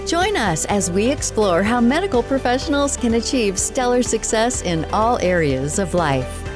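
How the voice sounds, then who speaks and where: Lively woman announcing a show intro. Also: fairly high pitch, moderate pace, over music.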